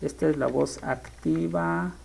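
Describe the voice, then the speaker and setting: A teacher talks through a grammar lesson at an unhurried pace. The voice carries a gravelly fry, and the speaker pauses to rethink and correct themselves along the way. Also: medium pitch, fairly even intonation, a little mellow, slight background noise, rough recording. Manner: thinks aloud, stops often to correct themselves. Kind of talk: screen-share grammar lesson.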